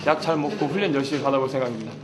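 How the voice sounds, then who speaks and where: A man's voice: mid-range voice, rapid-fire, crowd noise. A young man, a military recruit, giving earnest and formal personal testimony. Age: young adult. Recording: loud music over the voice. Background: loud music.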